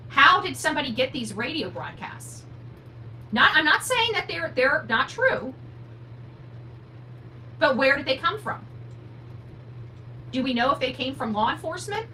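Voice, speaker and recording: A woman hosts a true crime livestream, speaking off the cuff to answer viewer comments, blunt, opinionated and emphatic, with rhetorical questions. Her high voice is sing-song and sharp, a little slow with long pauses. The low-quality recording carries noticeable background noise and hum.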